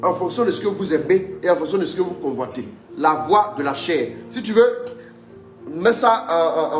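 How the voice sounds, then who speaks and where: A man's voice: on the high side, roomy sound. A man preaching a live-streamed teaching sermon, emphatic and repetitive, urging listeners on and having scripture read aloud. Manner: emphatic, repeats phrases, urges listeners on.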